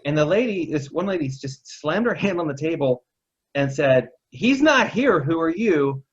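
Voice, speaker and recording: Heard on a slightly dull lo-fi line, a reflective Texan shares his story as a guest entrepreneur and coach in a casual interview. His husky voice is a little high with lively intonation and a moderate pace, and he keeps restarting and self-correcting.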